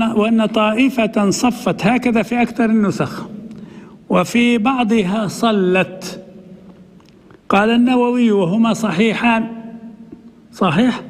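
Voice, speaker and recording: Male sheikh reading a text aloud then explaining it, highish voice, hall reverb. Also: gravelly. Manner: reads quoted text slowly, then explains in a conversational aside. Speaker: sheikh teaching hadith commentary. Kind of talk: classical Arabic lesson, reading and explaining a text.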